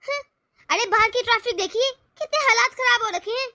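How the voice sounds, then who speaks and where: A woman voicing a gentle young sister-in-law who talks in a soothing, indulgent way, in a homemade family drama. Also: extremely high pitch, brisk, no room sound.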